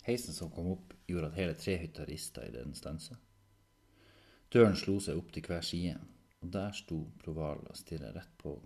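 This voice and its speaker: A man narrating a children's story chapter with an expressive, dramatic reading. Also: sits low.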